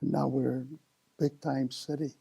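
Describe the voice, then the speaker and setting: A man in his seventies, from Italy, telling his life story slowly in an oral history interview, with many pauses and fillers. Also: mid-range voice, little pitch movement, gravelly, warm tone, husky. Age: 70s. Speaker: interview guest.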